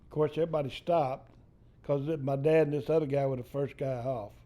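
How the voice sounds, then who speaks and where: A man's voice: medium pitch, fairly even intonation, a little fast, dark tone. An older man from East Texas with a Texan accent, telling a profane family story in casual storytelling style. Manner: salty, profane yarn-spinning.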